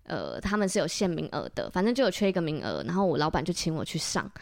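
A woman's voice: sits low, fast, creaky, dry recording, studio quality. A young adult woman with a Taiwanese Mandarin accent, co-hosting a casual chat podcast and telling a story with acted-out lines. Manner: lively storytelling, acts out quoted lines. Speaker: podcast co-host.

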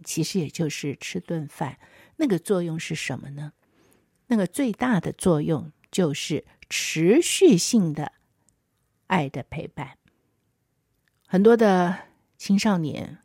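A woman podcast host, telling a story in an earnest, reflective way with soft trailing asides. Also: fairly low pitch, slightly rough, dry recording, studio quality. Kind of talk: storytelling monologue.

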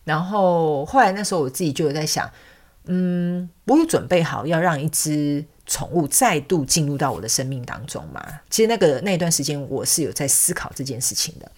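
Low-voiced woman telling a story. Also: lively intonation, fairly quick, darkish tone. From Taiwan. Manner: chatty, many fillers, laughs often. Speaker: podcast host. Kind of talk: casual storytelling monologue.

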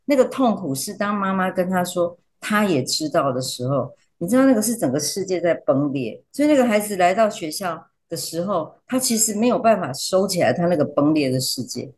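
A woman teacher, a podcast guest, chatting casually and telling animated stories. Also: on the low side, a little fast, hardly any pauses. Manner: animated storyteller, acts out quotes.

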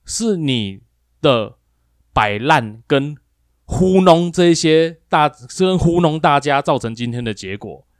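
A man, co-hosting a talk show and telling a workplace story in a lively, animated way, acting out both sides of an argument. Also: fairly high pitch, takes it slowly, no echo, studio quality. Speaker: co-host of a speaking-skills livestream. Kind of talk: casual storytelling chat.

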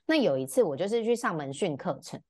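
A woman, a podcast guest telling a personal story in casual chat and acting out the lines of the people in it. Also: fast talker. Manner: animated, acts out quoted dialogue in varied pitch. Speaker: podcast guest, brand founder.

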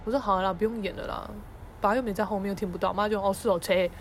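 A woman's voice: mid-range voice, steady tone, very fast, a little hiss or hum. A young woman with a Taiwanese Mandarin accent tells family stories in a casual podcast monologue. She acts out her relatives' voices and laughs often. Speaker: podcast host.

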